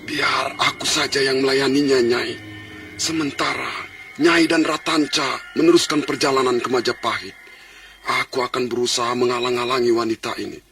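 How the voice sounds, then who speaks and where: A loyal male protector, gravelly and deferential, mid-pitched. This is radio drama acting, recorded at a distance with faint music. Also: fairly even intonation, normal speed, fairly bright tone. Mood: resolute. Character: loyal male protector offering to fight for his lady.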